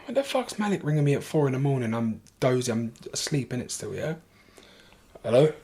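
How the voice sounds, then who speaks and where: A man with a London accent, a podcast guest telling a long story in a casual way, animated, swearing freely and restarting his sentences. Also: medium pitch, brisk, husky.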